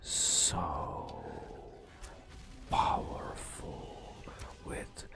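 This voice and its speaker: In a breathy ASMR whisper, a man softly tells the story of a fantasy game, slow and dramatic, leaving long pauses.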